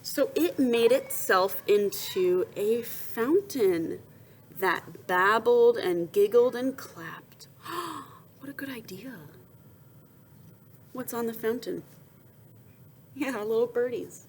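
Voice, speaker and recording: There's a little hiss or hum behind this slightly high female voice. She reads a picture book aloud to young children in a teacher-like, expressive way, pausing to ask questions, answering them softly, and tossing in asides.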